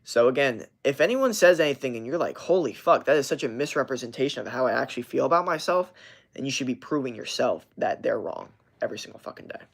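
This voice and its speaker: In a medium-pitched voice with vocal fry, a livestream host in his twenties tells a story quickly and expressively. It's casual story time, full of profanity, emphasis and tangents.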